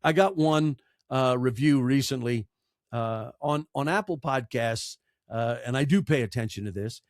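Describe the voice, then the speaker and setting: Slightly slow and mid-range, this man's voice comes through studio-quality audio free of room sound. He's a podcast guest, also a broadcaster and audiobook narrator, who tells stories emphatically in a conversational way, leaning on rhetorical questions and repetition of phrases.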